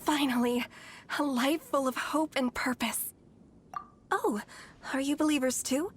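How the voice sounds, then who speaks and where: A woman's voice: high-pitched, a little slow, a little hiss or hum. A woman playing a devout, lovelorn, hopeful bride-to-be in a video game, fervent and naively certain. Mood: fervent, overjoyed.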